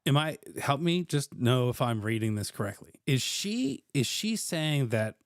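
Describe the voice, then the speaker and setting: A man's voice: medium pitch, very animated, unhurried, dry recording, clean studio sound. A man hosting a casual reaction commentary, often repeating words as he stumbles, and swearing now and then. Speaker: commentator host.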